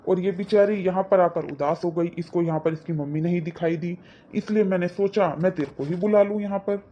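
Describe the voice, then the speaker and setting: Woman voicing a gentle cartoon father. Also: on the low side, fairly quick, dull audio, lightly acted. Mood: fond. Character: kindly middle-aged father, gentle and caring. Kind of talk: cartoon voice acting.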